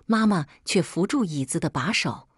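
A woman reads a story aloud at a steady, even storytelling pace. Her voice is slightly low and breathy, recorded up close in a dry space with no echo. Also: moderate pace. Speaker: story narrator. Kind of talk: storybook reading.

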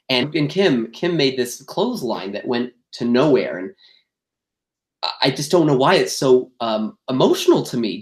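A man with a medium-pitched voice recounts backstage moments from the theater. He talks in a candid, animated way and acts out what people said. The recording has a roomy echo around him. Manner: animated, acts out quoted exchanges. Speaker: guest, theater actor and director. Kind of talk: candid interview storytelling.

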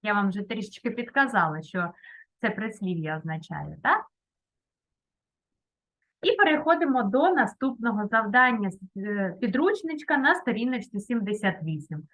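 A woman teaching young children, telling a story and giving a lesson in a gentle, encouraging tone, stressing single sounds. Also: medium pitch, expressive, normal speed. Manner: sing-song, exaggerated emphasis on sounds. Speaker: primary school teacher.

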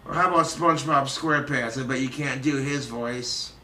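A young man banters playfully, teasing and trading impressions in a joking exchange. His mid-range voice has a sharp tone at a moderate pace, in a roomy, distant amateur recording.

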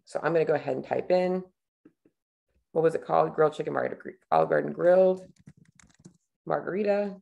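A woman's voice: low voice, brisk, gravelly, long pauses, darkish tone, highs cut off. A woman in her thirties, a nutrition coach, talking casually and thinking aloud as she clicks through a screen-share tutorial over a webcam.

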